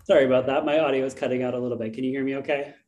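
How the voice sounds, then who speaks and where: A man's voice: medium pitch, steady tone, very fast, a little mellow, highs cut off. A man hosting a meetup, wrapping up casually over a video call while his audio cuts out and the volume jumps unevenly. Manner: casual, friendly wrap-up with fillers. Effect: audio cutting out, uneven volume. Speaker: meetup host. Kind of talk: closing remarks on a video call.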